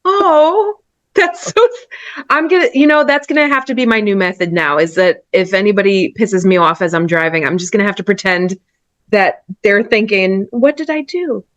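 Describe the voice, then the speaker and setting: A chatty woman, talking as a podcast guest. Her voice is mid-pitched and swings between highs and lows, and she laughs easily. The recording is dry and close, with no room sound. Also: moderate pace, no echo, highs cut off. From New Jersey and New York area. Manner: animated, laughs often. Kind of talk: casual chat.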